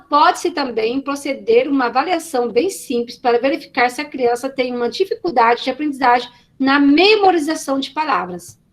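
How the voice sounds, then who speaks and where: A woman teacher giving an online class on a video call, explaining step by step and often checking in with her students. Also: sits high.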